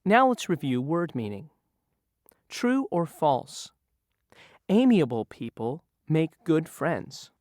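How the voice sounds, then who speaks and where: A patient, teacherly narrator asks learners scripted vocabulary review questions about what words mean, delivered slowly. The voice is medium-pitched, sing-song and darkish in tone, recorded at studio quality with no room sound.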